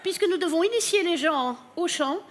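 A woman's voice: very high-pitched, expressive, brisk. A woman playing a tired, flustered female opera diva who stammers and breaks into song in a stage sketch.

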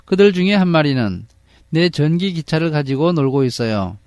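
A man reading the part of a stubborn young boy in a storybook, slowly and emphatically, then translating each line into Korean. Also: on the high side, animated, darkish tone, dry recording. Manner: slow, emphatic read-aloud.

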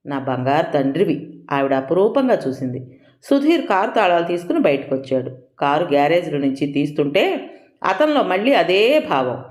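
A woman's voice: on the low side, sing-song, moderate pace, a little mellow. A woman narrating a novel as an audiobook, reading expressively. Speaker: storyteller. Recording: echoey room.

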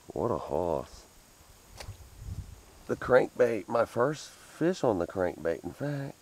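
A man with a Southern US accent, talking excitedly to viewers while fishing from a creek bank, recorded on a head-mounted camera. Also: fairly low pitch, slightly rough. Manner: excitable, exclaiming over catches, talking to viewers. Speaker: fishing vlogger. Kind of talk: casual outdoor commentary while fishing.

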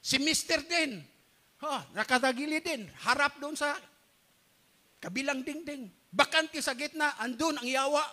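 High bright-voiced preaching pastor. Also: male voice, unhurried. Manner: animated preaching, rising to shouts, jokes with the congregation. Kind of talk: sermon.

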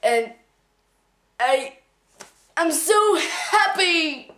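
A woman's voice: very high-pitched, animated, drawn-out words, sharp tone. A woman acting in an amateur parody skit, recorded on a camera microphone in a room at home. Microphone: distant camera microphone. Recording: echoey room, distant camera mic.

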